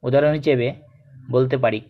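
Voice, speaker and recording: A man teaching a pronunciation lesson, who speaks slowly and deliberately and repeats each example word as a drill. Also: medium pitch, fairly even intonation. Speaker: Bengali teacher. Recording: dull lo-fi recording.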